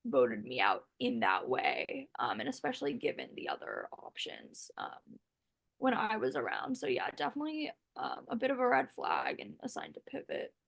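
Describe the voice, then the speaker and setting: A woman's voice: mid-range voice, huge pitch swings, normal speed, vocal fry. A young woman, a former contestant, chatting casually in an interview and rambling with many fillers. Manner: rambling, full of "like" and "um".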